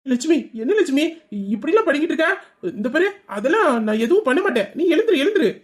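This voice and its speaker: Performer doing a stern thrifty father, lecturing tone, fast talk, audio drama. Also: high voice, big pitch swings. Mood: justifying. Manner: lecturing, self-justifying, persuasive. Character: stern thrifty middle-aged father, shop owner. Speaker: father Sellamuthu.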